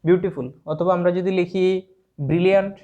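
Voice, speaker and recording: The English grammar teacher, who has a Sylheti Bengali accent, speaks at normal speed in a high voice with fairly even intonation. He explains each step and spells words letter by letter. The sound is dull lo-fi.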